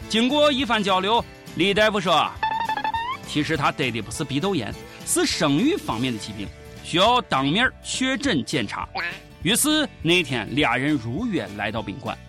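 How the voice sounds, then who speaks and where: A man's voice: fairly high pitch, wildly swooping pitch, normal speed, music in the background. A man with a Shaanxi accent giving comic news commentary in a mocking, colloquial, sarcastic way. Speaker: host of a satirical news show.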